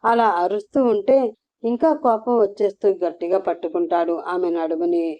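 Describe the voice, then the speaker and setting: A woman storyteller narrating a serial romance story in an expressive, sympathetic way. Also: on the low side, normal speed. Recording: slightly muffled lo-fi recording.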